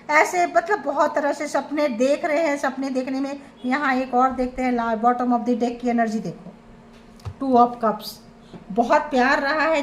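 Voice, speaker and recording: A woman with a high voice gives a tarot reading for her viewers. She stresses her points and stacks short repeated phrases one after another. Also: a little hiss or hum. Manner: emphatic, listing feelings in short repeated phrases. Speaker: tarot reader.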